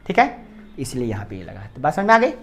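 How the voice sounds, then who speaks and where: A man's voice: mid-range voice, wildly swooping pitch, fast talker, faint music behind. A man teaching a grammar lesson to a class. He repeats each point and keeps asking whether the students have understood.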